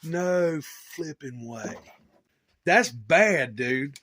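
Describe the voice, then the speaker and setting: A middle-aged man hosting a casual chat in his home hobby shop, excitable and swearing a lot as he exclaims over things. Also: fairly high pitch, very slow. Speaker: channel host.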